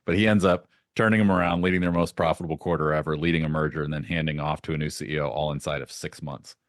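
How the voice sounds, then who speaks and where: A man being interviewed as a podcast guest, telling lively anecdotes and laughing often. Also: extremely low pitch, fast talker, dry recording, clean studio sound. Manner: animated anecdotes with frequent laughs. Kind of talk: casual interview storytelling.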